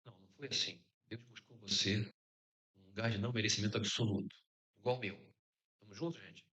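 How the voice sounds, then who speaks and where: A man's voice: on the low side, steady tone, fairly quick, bright, forceful tone. A middle-aged man with a Brazilian Portuguese accent giving an informal conference sermon, joking and tossing out rhetorical questions. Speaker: conference speaker.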